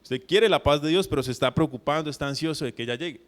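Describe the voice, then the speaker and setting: Man, pastor, sermon, slightly high voice, chatty preaching, checks in with the audience. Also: fast. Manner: acts out mock prayers in a put-on voice.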